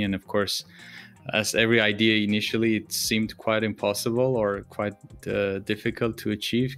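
A man in his thirties hosts a podcast over a video call in a fairly low voice. He asks his questions casually and leans on many fillers as he talks. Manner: warm-up phrasing, many "uh" fillers. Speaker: podcast host. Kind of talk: casual interview hosting.

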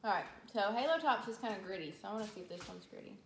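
A woman's voice: mid-range voice, expressive, racing, creaky, a little hiss or hum. A woman talking with her mouth full while eating, in casual, hesitant chat. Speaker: vlogger, taste tester. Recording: echoey room.

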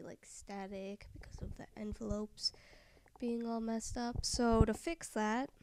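A soft-spoken woman giving a software tutorial voice-over, often trailing off into a whisper. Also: medium pitch, gravelly, slight background noise.

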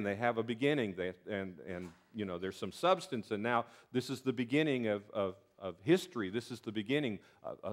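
An older man with a Southern US accent preaching a sermon from a pulpit in a church sanctuary, folksy and earnest, often restarting his words. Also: medium pitch. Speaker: pastor. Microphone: pulpit mic.

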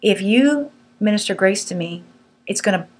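A woman's voice: medium pitch, animated, moderate pace, a little hiss or hum. A middle-aged woman teaching a small Bible study group, earnest, firm and conversational.

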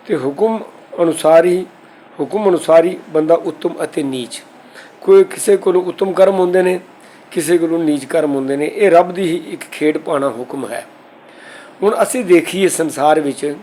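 A man teaching and explaining a scriptural text, who slows down to recite each quoted verse before explaining it. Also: fairly high pitch, warm tone. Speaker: Gurbani teacher. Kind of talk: scriptural exposition lesson.

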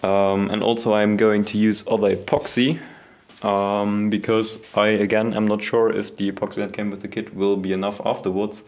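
A young man filming a casual workshop vlog in his home garage, talking in a relaxed, self-deprecating way with lots of fillers, recorded on an action camera. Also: lowish voice, moderate pace. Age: young adult. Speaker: hobby boatbuilder vlogger. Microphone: action camera on body or nearby.

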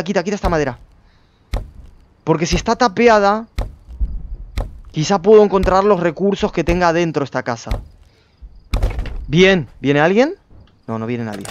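A male streamer giving excitable gameplay commentary, talking to his viewers and to himself. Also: sits high, a little hiss or hum.

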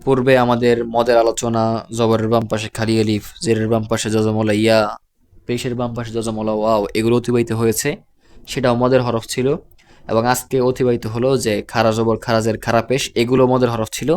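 Patient, smooth-voiced Bengali man teaching. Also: medium pitch, level tone, a little mellow. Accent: Bangladeshi Bengali. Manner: patient, spells out syllables slowly and repeats them. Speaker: Quran reading teacher. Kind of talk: step-by-step recorded lesson.

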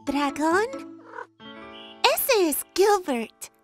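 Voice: extremely high pitch, sing-song, drawn-out words, a bit bright, soft background music, full character voice. An actor voicing a curious, eager little boy in a children's cartoon dub, with simple, earnest childlike phrasing. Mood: excited.

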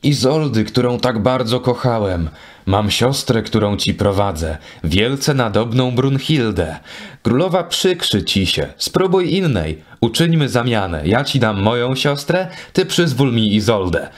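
A man's voice: mid-range voice, animated, measured pace, natural voice. A man voicing a knight disguised as a ragged madman, speaking in a strangely altered, singsong voice for a storybook reading. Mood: crafty, dreamy. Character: Tristan disguised as a ragged mad fool. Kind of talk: audiobook character reading.

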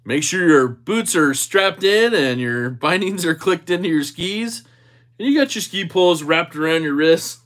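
A man's voice: a little high, expressive, measured pace, fairly bright tone, pitched above the performer's own voice. Man doing a ski slope instructor, comic impression, cheerful, friendly, upbeat, briefing a group. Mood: cheery instructing.

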